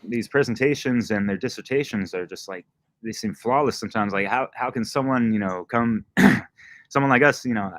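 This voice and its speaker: A man's voice: medium pitch, moderate pace, a bit bright, no room sound. A man who is a guest DJ and podcaster, talking in a laid-back, slangy way and swearing freely. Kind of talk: casual livestream chat.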